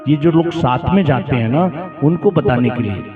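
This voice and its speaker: A man's voice: medium pitch, normal speed. A man giving a devotional sermon, storytelling and asking the audience rhetorical questions. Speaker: katha preacher. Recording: echoey hall, phone-like lo-fi sound with music. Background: instrumental music.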